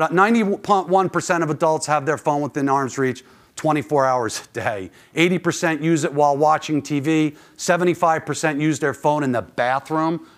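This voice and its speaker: Man giving an informal conference presentation. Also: a little high. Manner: conversational, poses questions to listeners. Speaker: conference speaker, club manager.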